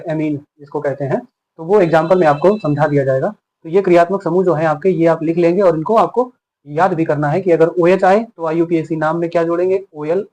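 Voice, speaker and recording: Man teaching with his own quick questions. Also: on the high side, darkish tone, rough recording. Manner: patient, asks and answers his own questions. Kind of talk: classroom chemistry lesson.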